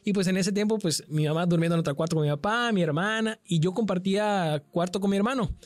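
A man with a Mexican accent and a fairly high voice recounts a frightening night in a loose, slangy storyteller's way, full of swearing. The sound is close and dry, with no room around it. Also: fast, no room sound. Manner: frequent slang and swearing, animated retelling. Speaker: guest telling a paranormal experience. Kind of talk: casual storytelling chat.

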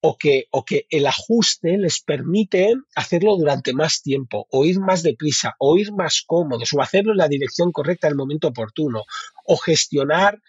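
A man's voice: on the high side, expressive, normal speed, slightly rough, no echo, lo-fi sound. A man from Spain with a Spanish accent, a bike fitting expert talking keenly in an interview, often repeating and restarting words. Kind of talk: casual interview talk.

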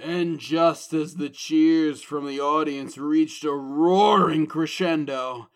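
A man's voice: a little high, fairly even intonation, takes it slowly. A drunk man narrating a fantasy story for his podcast with slurry, rambling asides.

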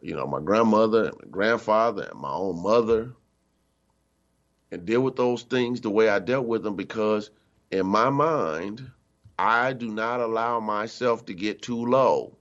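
Deep-voiced man preaching conversationally. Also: measured pace, a bit bright, dull audio. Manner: conversational, emphatic, acts out quoted voices. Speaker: minister. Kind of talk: spiritual teaching talk on radio.

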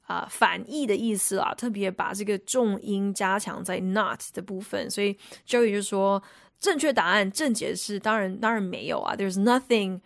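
A woman's voice: mid-range voice, creaky, no room sound. A woman radio host giving a chatty, explanatory lesson on English phrases and films, recorded in a studio.

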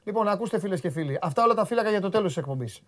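A man's voice: high voice, animated. A man hosting a sports talk show, teasing his co-host and bossing the studio crew in playful banter. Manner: teasing, bossy, directs the crew.

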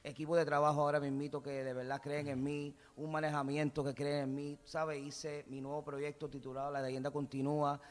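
A man, a singer guesting on a radio show, speaking earnestly and haltingly with many fillers. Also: on the high side, completely flat delivery, long reverb tail. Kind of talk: casual radio interview.

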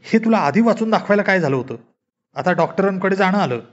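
Reader doing an exasperated bossy dad, raised and snappish, dull recording. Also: male voice, high voice, expressive, fast talker, pitched above the performer's own voice. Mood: irritated. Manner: snappish and shouting. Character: irritable bossy middle-aged husband.

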